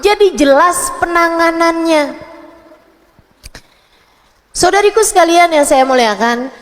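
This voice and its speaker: A high-pitched woman preaching to a women's study group, talking casually and teasing as she scolds. Her voice rings with a long echo through a large hall. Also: expressive, slow pace. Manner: casual, scolding yet joking, acts out mothers and children. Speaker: Islamic preacher. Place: mosque or hall at a gathering.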